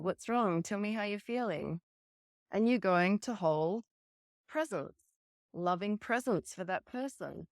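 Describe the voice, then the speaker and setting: A woman coach giving an earnest teaching talk on emotional self-care, speaking slowly and deliberately and swearing now and then. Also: mid-range voice, no room sound, studio quality. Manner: earnest, slow and deliberate, acts out quoted voices, swears casually. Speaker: relationship coach.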